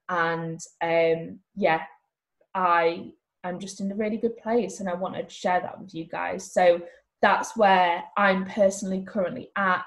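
A woman hosting a casual solo fitness podcast, talking in a relaxed way with frequent ums. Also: on the low side, low-quality recording. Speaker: podcast host and fitness coach.

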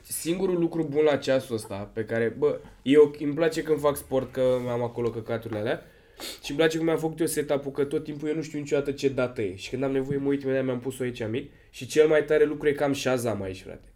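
A man's voice: medium pitch, darkish tone. A man co-hosting a podcast in casual chat, swearing a lot and laughing often. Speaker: podcast co-host.

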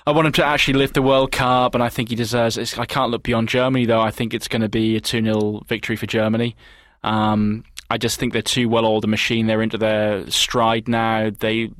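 A man on a sports podcast panel, measured as he lays out his predictions. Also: fairly low pitch, level tone, a bit bright, no room sound. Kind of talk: casual sports chat.

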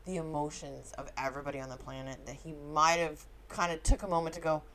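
A woman's voice: low voice, steady tone, quick pace, fairly bright tone. A woman in a casual chat about a movie, talking in an opinionated way and swearing now and then. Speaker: movie discussion participant.

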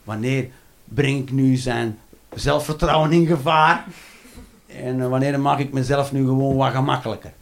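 A man performing a stand-up comedy routine. He swings between loud outbursts and low muttering, and he swears. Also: steady tone, normal speed, creaky.

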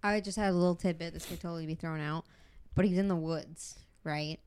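Low-voiced, tentative woman. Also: fairly even intonation, fairly quick, darkish tone, clear, resonant tone. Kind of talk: casual brainstorming chat.

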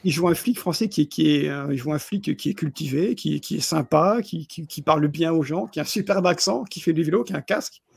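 A man co-hosting a podcast chats loosely about films, tripping over words, repeating them a lot and chuckling mid-sentence. His voice is a little high, gravelly and breathy-edged, and he talks fairly quickly with hardly any pauses.

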